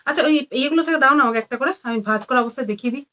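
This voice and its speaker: A tired, low-energy woman selling saris on a live stream, repeating every price again and again. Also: very fast, sharp tone. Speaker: online saree seller. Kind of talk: live-stream sales pitch. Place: indoors among stacks of saris.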